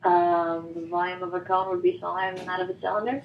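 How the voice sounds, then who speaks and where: A woman's voice: on the low side, level tone, a little fast, gravelly. A woman student answering her tutor in short replies over a phone call. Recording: dull, echoey phone audio with faint noise.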